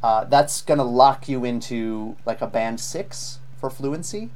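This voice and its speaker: A man's voice: medium pitch, measured pace, a little mellow. A man teaching a live online IELTS lesson, patiently giving spoken feedback with frequent ums.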